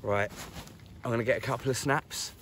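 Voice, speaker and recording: A middle-aged man chatting excitedly to the camera while fishing by a lakeside, recorded on a handheld camera. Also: medium pitch, fairly quick, noisy background. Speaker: carp angler vlogger. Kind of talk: casual outdoor fishing vlog. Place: lakeside outdoors, crouched by the water.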